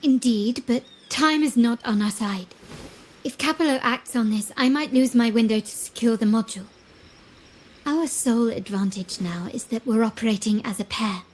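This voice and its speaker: An actress voices a composed, determined young heiress agent in a video game, speaking in a measured, formal, deliberate way with a resolute mood. Her female voice is on the high side and sounds natural.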